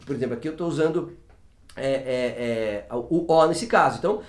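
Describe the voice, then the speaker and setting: A man's voice: medium pitch, normal speed. A man teaching English pronunciation in a casual video lesson, chatty and repeating example words to demonstrate sounds. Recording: roomy echo.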